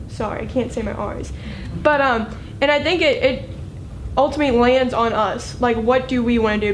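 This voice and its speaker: Higher-pitched, even-toned American teenage girl. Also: rough recording. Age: late teens. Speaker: high school student. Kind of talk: informal public comment. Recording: faint rumbling background noise.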